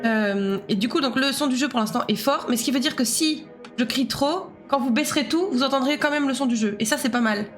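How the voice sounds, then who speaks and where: Young woman streamer rambling to chat, a bit high voice, jokey, game music under her. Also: brisk, hardly any pauses. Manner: chatty, joking, talks to chat. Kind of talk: casual live game commentary.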